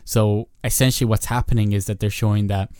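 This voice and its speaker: A man's voice: fairly low pitch, level tone, fairly quick, darkish tone, smooth, no echo, clean studio sound. A man in casual podcast chat, rambling with restarts and crude jokes.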